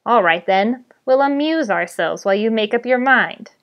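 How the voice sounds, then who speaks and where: Woman putting on a raspy, sneering goblin leader. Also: on the high side, animated, normal speed, highs cut off, close to an everyday voice. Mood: menacing. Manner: sneering, menacing commands. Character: cruel, mocking male goblin leader. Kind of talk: reading a novel aloud.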